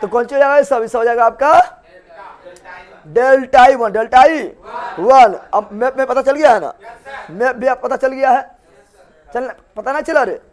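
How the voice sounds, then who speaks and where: A male teacher, leading a geography class in chanted call-and-response and repeating answers loudly. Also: very high voice, normal speed, long pauses.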